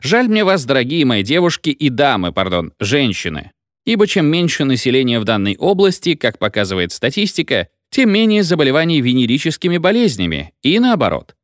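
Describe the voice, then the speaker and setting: A man's voice: mid-range voice, wildly swooping pitch, a little fast, no echo, studio quality, pitched above the performer's own voice. A man voicing a drunken, pompous village medic who lectures in a rambling, hiccuping sing-song. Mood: tipsy lecturing.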